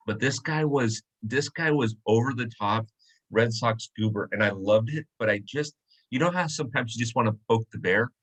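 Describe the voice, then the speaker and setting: A man's voice: fairly low pitch, fairly bright tone, poor audio. A man hosting a casual interview, telling a long story and acting out quoted lines. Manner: chatty storyteller, acts out quotes. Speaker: host. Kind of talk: casual video chat interview.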